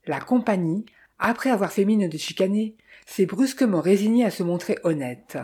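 A woman's voice: medium pitch, animated, moderate pace, mellow, slightly rough. A woman reading as an anxious young fiancée. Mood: eager. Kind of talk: audiobook dialogue reading.

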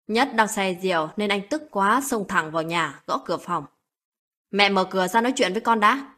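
A woman's voice: mid-range voice, sharp tone, slightly rough. A woman narrating a first-person family story in a plaintive, sorrowful way.

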